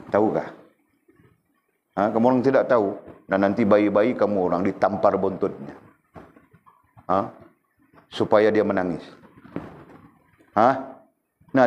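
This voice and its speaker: A middle-aged man gives a religious lesson, teasing his listeners and asking them again and again whether they understand. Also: on the low side. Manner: lively, teasing, keeps quizzing listeners. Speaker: religious teacher. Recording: dull lo-fi room recording with faint background hiss.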